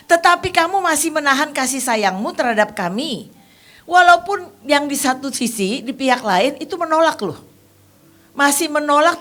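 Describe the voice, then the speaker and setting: A middle-aged woman preacher giving a sermon with personal testimony, emphatic, with high animated peaks and quiet low stretches. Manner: emphatic, rising to high animated peaks, then quiet and low when telling her story.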